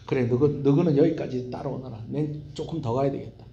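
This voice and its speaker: A preacher voicing an old prophet, speech. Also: male voice, mid-range voice, a little fast, creaky, warm tone, muffled recording, natural voice. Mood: gentle. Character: old male prophet bidding disciples farewell. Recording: roomy church hall echo.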